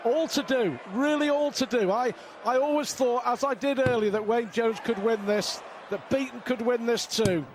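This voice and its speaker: A man's voice: very high voice, moderate pace, hardly any pauses. A man giving live darts commentary in an emphatic way, repeating phrases for effect. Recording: clear venue noise behind the voice.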